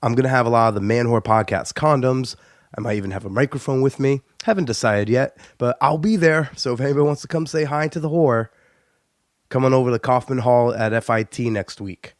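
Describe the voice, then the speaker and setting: Here a young man from the United States, congested from a cold, hosts a lighthearted podcast intro full of jokes, chatter and repeated "uh"s. His medium-pitched voice runs a little fast, in a dry, studio-quality recording.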